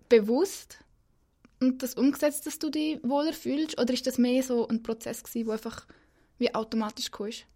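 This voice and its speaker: A woman with a high voice runs the interview. She asks curious, encouraging follow-up questions in an easy conversational tone. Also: a little mellow.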